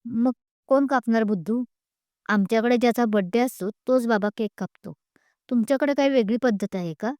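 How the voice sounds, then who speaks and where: A playful young heroine in an audio story who teases her friend with a smile in her voice, voiced by the woman narrator. The sound is mellow and smooth, close and dry. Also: medium pitch, moderate pace, dry recording, natural voice. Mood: teasing. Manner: teasing, laughing as she talks.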